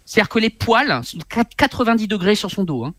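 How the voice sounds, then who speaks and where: Halting storytelling man, slightly high voice. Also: no echo. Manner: animated, halting, with many repeats. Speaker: guest author. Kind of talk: storytelling in a radio interview.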